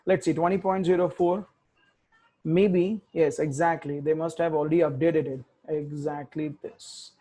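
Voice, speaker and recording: At a measured pace, a male tech instructor works through a live coding tutorial, thinking aloud, muttering and self-correcting as he types. His voice is fairly high yet dark in tone, with fairly even intonation.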